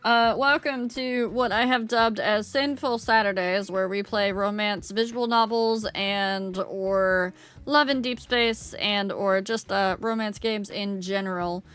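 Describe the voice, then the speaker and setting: A woman's voice: mid-range voice, steady tone, unhurried, a bit bright, clean tone. Bubbly, cute anime-style woman streamer. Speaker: livestreamer, game streamer. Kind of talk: casual livestream chat with viewers.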